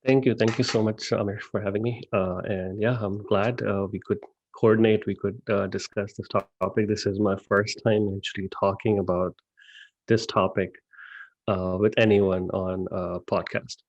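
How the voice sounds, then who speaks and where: A man's voice: lowish voice, flat delivery, normal speed, a little mellow, muffled recording. A man in his thirties who grew up in Dubai, a podcast guest talking casually and rambling with frequent fillers. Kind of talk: podcast interview.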